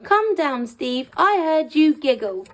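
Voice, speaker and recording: A woman reads as an eager young puppy in a children's storybook. The storytime voice is high, friendly and exclaiming, with slow, clearly spaced words. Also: big pitch swings, a bit bright, heavily acted. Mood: playful. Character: eager, friendly young male puppy playing hide and seek.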